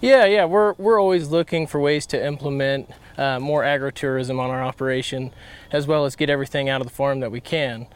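A man's voice: mid-range voice, a little fast, clean tone. A man explaining his business in a casual interview, speaking as a farmer and owner. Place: on location in a distillery tasting room. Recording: background noise on location.

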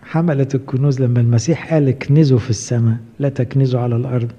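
Man preaching in a dark, echoing hall. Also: medium pitch, fairly even intonation, very fast, slightly rough. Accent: Egyptian Arabic. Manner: conversational preaching, asks the listeners questions. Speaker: priest. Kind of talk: sermon. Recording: muffled hall recording with long reverb.

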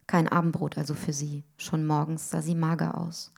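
A woman reading a literary story aloud in a rhythmic way, often dropping to hushed tones. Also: low voice, flat delivery, normal speed, gravelly. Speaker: reader.

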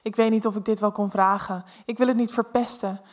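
A woman reading an erotic story aloud in a soft, intimate first-person narration. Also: mid-range voice, steady tone, fairly quick.

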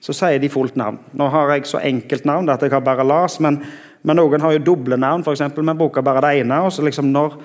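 A middle-aged man preaching a sermon in a conversational way, often pausing to search for words. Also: on the high side, fairly even intonation. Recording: long hall reverb.

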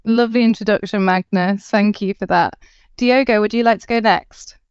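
A woman's voice: mid-range voice, steady tone, moderate pace, a little mellow, smooth, no room sound, lo-fi sound. A woman hosting a podcast, reading the intro and handing over to guests in a friendly way. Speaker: podcast host.

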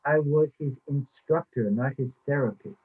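A man reads the role of a former English instructor, formal and defensive, in a readers theatre production. His mid-range voice moves at normal speed and sounds close to everyday speech, though the recording is thin, like a phone.

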